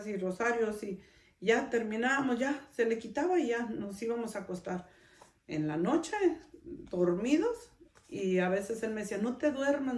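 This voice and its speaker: Here a middle-aged podcast host shares a personal story in a conversational way, frequently tacking a questioning tag onto her lines. Her mid-range voice has a slightly mellow quality. The recording sounds roomy, with her well away from the microphone.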